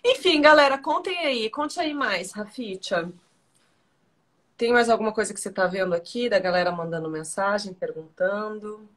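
A woman's voice: mid-range voice, normal speed, fairly bright tone. Chatty young woman on a live stream. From Paraná, Brazil. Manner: chatty, reads fan comments aloud. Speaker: actress hosting a fan live stream. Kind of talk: casual live-stream chat. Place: home living room, indoors. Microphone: video call on webcam.

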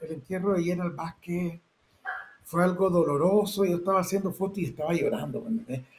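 A middle-aged man with a Nicaraguan accent recounts his work as a photojournalist in a high-pitched voice. He tells his stories vividly, acting out the shouts of others and the sounds of the moment. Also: brisk, low-quality recording. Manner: vivid storyteller, acts out shouted quotes and sound effects. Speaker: photojournalist guest. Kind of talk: personal storytelling interview.

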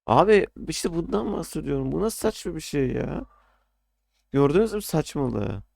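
A man's voice: on the high side, expressive, moderate pace, creaky, darkish tone, no room sound. A young man casually commenting on his own gameplay, often frustrated, ranting and swearing at the game. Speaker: gaming streamer.

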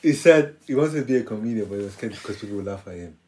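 A man in casual group chat, exasperated and deadpan as a friend tells puns. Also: fairly low pitch, very fast, crowd noise. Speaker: reaction show co-host.

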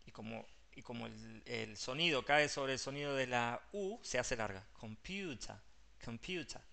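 Gravelly Rioplatense teacher explaining patiently. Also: male voice, medium pitch, expressive, normal speed, pushed and bright. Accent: Rioplatense Spanish. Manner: patient, explains step by step, mixes English terms into Spanish. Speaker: English teacher.

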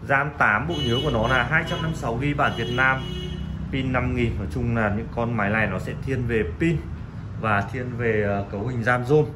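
Man pitching sales, noisy recording. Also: fairly quick. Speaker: phone shop seller. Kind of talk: casual sales pitch presenting used phones. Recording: clearly noisy room recording.

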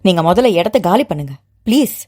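A woman's voice: lowish voice, expressive, fairly quick, a little mellow. A woman narrator voicing a proud young widowed mother who speaks in a heated, agitated, insistent way.

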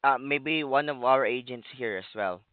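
A man's voice: mid-range voice, moderate pace, no room sound. A man working as a health insurance telemarketer, giving scripted questions on a sales call. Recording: tinny narrow phone line.

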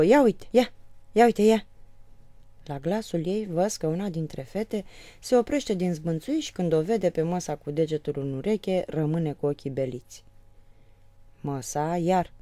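Audiobook reader: woman, low and gravelly, very lively melody, dark dry tone. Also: dry recording. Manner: lively, varies voice for characters. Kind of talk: expressive novel reading.

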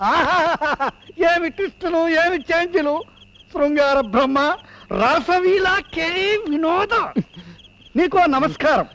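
A carefree neighbor who mocks and jeers. His voice is strikingly high for a man, and his talk slides into sing-song. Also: a little slow, fairly bright tone, full character voice, rough recording. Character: mocking, carefree male neighbor who sings. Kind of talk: film dialogue.

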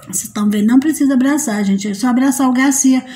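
A Brazilian woman hosts a relaxed live stream, greeting viewers by name and dissolving into giggles. Her voice sits high yet sounds mellow and soft rather than bright. She talks in a loose, chatty way. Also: fast talker. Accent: Brazilian Portuguese. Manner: giggly, bursts into laughter often; sweet high baby-talk to a pet.

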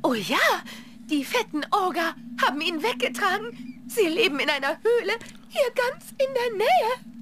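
Weepy lovesick maiden in a fantasy game, extremely high voice, drawn out n slow. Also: female voice, sing-song, background noise, heavily acted. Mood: sobbing joy. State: tearful, sobbing. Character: lovelorn, weepy jilted young maiden ghostly in grief. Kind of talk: fantasy video game acting.

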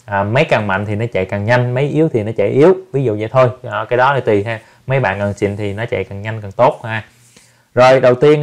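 Easygoing man explaining. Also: medium pitch. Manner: relaxed, step-by-step, ends phrases with soft tag particles. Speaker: channel host giving an app tutorial. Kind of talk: casual screen-recorded tutorial.

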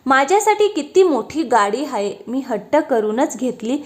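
A woman's voice: sits high, very animated, moderate pace. A woman voicing a proud, boastful young wife who brags about her wealth. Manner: haughty, bragging.

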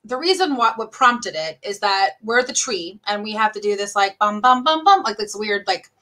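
Bright chatty woman saying "like" a lot. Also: medium pitch, faint music behind. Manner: chatty, fast, says "like" a lot, laughs often. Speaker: interview guest, HR generalist. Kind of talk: casual conversation.

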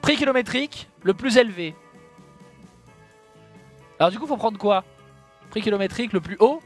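Faint music plays as this streamer, a man with a high, animated voice at a normal pace, narrates his gameplay in a relaxed way. He reacts loudly to his own slip-ups and jokes at his own expense for his audience.

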